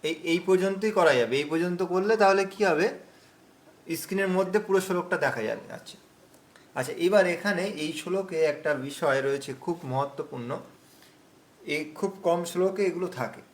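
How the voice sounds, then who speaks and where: A man teaching an online recitation class over a video call, patient and explaining slowly, drawing out words as he recites. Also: high-pitched.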